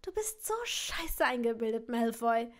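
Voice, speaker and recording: A woman reading aloud, voicing a clever, caring young woman who speaks softly, sometimes in a whisper, and teases playfully. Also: on the high side, level tone, normal speed, slightly rough. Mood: teasing.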